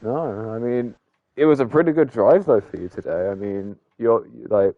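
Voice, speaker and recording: A man's voice: medium pitch, animated, moderate pace, narrow, tinny audio. Rambling man hosting a race recap. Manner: filler-heavy, rambling, frequent "I mean". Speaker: host of sim racing league broadcast. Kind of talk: casual post-race interview.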